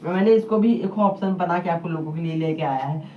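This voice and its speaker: A man's voice: fairly high pitch, fairly quick. Chatty male teacher, distant and muffled. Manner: chatty and rambling, talks straight to students. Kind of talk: casual whiteboard lesson. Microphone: camera across the room. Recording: distant muffled camera audio, faint hiss.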